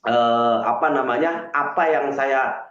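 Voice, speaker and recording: A man's voice: mid-range voice, measured pace, a bit bright. Hesitant man on an echoey stream. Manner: hesitant, frequent fillers and restarts; earnest and confessional. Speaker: guest on a live stream, self-styled healer. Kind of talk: casual storytelling on a live stream. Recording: echoey, dull lo-fi stream audio.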